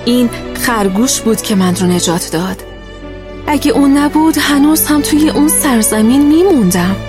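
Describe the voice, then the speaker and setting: Gentle woman narrating a children's story. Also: on the high side, expressive, over music.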